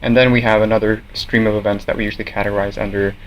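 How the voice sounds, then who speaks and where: Young Norwegian man, low-voiced student president, measured interview answers, faint room ambience behind. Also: flat delivery, lo-fi sound, a little hiss or hum. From Norway. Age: young adult. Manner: measured, with many fillers and restarts.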